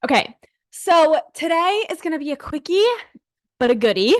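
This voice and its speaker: A woman's voice: high voice, very animated, normal speed, no room sound, clean studio sound. A young adult woman hosting a solo podcast, talking in a chatty, candid way and swearing casually, a little out of breath. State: a bit out of breath. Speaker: podcast host.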